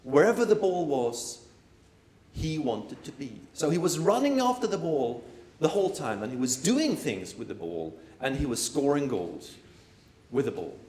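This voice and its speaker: Inside an echoey lecture room at an art academy, a man with a medium-pitched, darkish voice delivers a live performance lecture in a sing-song cadence at normal speed. He rambles with many fillers and repeated words, tossing playful asides to the audience.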